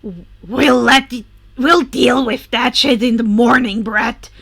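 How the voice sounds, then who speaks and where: A woman reading a fanfic aloud and voicing a foul-mouthed, irritable young male villain who talks gruffly and loudly. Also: fairly high pitch, a little slow, heavily acted. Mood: exasperated. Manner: gruff, swearing, loud. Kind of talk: podfic character voice.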